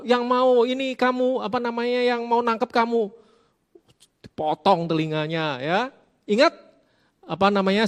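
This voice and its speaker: A man preaching a casual youth sermon in a church, lively and full of questions to the audience. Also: high voice. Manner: lively, asks the audience questions, playful asides. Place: church hall.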